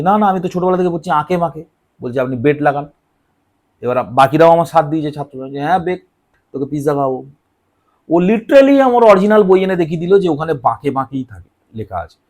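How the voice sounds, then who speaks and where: A man's voice: a little high, a little mellow. A young male teacher giving a casual classroom lecture for exam prep, chatty, posing questions and answering them himself. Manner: chatty, asks and answers his own questions.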